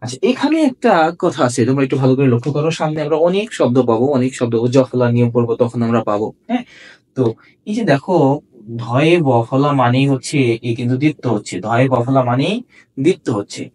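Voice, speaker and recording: A Bangladeshi man teaches a grammar lesson in a husky, slightly breathy voice at a middle pitch. He goes step by step, asking his students questions and answering them himself. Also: animated, quick pace, darkish tone. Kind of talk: classroom lesson.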